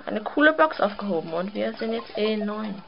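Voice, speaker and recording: A woman giving casual gameplay commentary, muttering relaxed asides. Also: mid-range voice, normal speed, gravelly, slight background noise. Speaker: let's player. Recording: slightly dull sound, game music behind.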